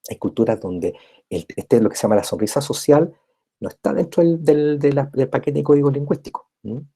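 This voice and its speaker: A man's voice: medium pitch, brisk, dark tone, husky. A man giving a recorded university lecture, explaining step by step and often checking in with his listeners. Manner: constant tag checks with listeners; explanatory, repeats and rephrases points.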